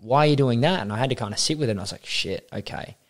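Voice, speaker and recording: A man's voice: medium pitch, very fast. A young adult Australian man, a coach and podcast guest, chatting casually and acting out quoted remarks as he tells his story. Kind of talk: casual interview chat.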